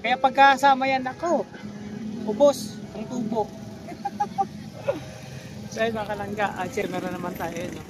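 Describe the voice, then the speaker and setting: A man's voice: high-pitched, fairly even intonation, moderate pace, pauses often, over music. A man vlogging outdoors by the seaside, teasing and coaxing a child with playful questions. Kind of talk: casual vlog narration.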